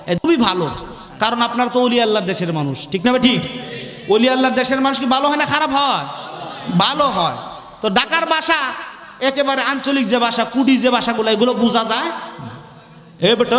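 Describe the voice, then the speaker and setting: A male preacher from Bangladesh addresses a large gathering through a microphone, pushing questions out to the crowd and playfully imitating regional dialects. His voice sits very high and bright, cutting hard through the PA. The sound rings with a long, roomy reverb from the big space. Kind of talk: Islamic sermon at a religious gathering. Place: large gathering under a tent. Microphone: handheld or stand microphone with PA.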